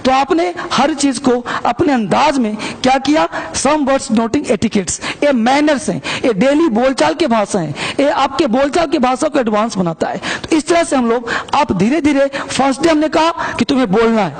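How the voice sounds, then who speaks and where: High gravelly male English teacher. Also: animated, moderate pace, few pauses. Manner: explanatory, repeats phrases for drill. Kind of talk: Hindi-language English lesson.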